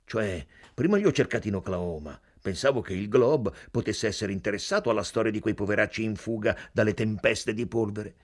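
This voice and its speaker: A man reading an audiobook, voicing a sardonic, talkative adult man who speaks up loudly with ironic emphasis. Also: on the low side, a little fast, hardly any pauses, natural voice. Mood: explaining.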